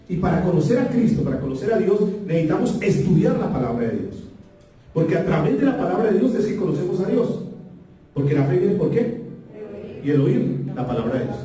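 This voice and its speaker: Male pastor, high dark voice, preaching, heard from far off in a booming echoey hall. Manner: calls the congregation to repeat after him; emphatic, repeats key phrases. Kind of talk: sermon. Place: church hall.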